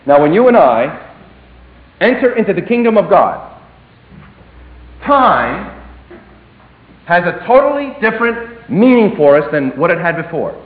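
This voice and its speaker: A male preacher with a high, animated voice delivers a sermon a little slowly, pausing often. He swings dramatically between loud and hushed emphasis, and the recording sounds tinny and phone-like in an echoey hall.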